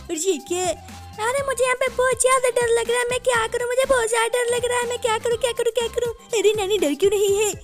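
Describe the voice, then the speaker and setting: A man voicing a cheeky little cartoon boy over gameplay, with a squeaky voice that turns whiny when he is scared. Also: normal speed, over music.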